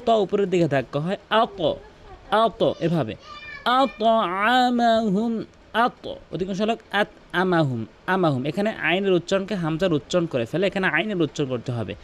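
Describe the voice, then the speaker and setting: A man with a high voice gives a recitation lesson. He explains each sound plainly, then chants the phrases slowly and stretches them out at a higher pitch. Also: big pitch swings, slight background noise. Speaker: Quran recitation teacher. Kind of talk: tutorial on Arabic pronunciation.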